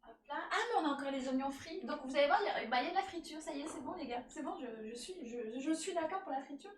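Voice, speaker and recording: Woman streamer, high bright voice, chatty and laughing, kitchen mic a bit far off in an echoey room, faint hiss. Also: animated, fast. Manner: chatty, laughs often, thanks viewers, talks to her cat. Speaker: streamer cooking live. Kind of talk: casual live-stream chat while cooking.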